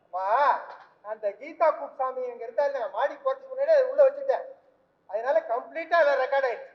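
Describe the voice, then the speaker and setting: A man's voice: extremely high pitch, fairly quick. An actor playing a cocky young son in a stage comedy, boastful and brash, dropping English words into his talk. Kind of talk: vintage stage comedy acting. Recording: dull roomy old stage recording.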